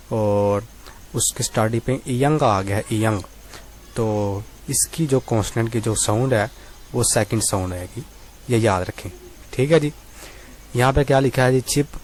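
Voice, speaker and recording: A male language teacher with a mid-pitched voice works through a reading lesson. He reads each sentence slowly, repeats it, then explains it by asking a question and answering it himself. He keeps a patient, polite tone throughout. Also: darkish tone, slight background noise. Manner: asks and answers his own questions, polite "ji" filler.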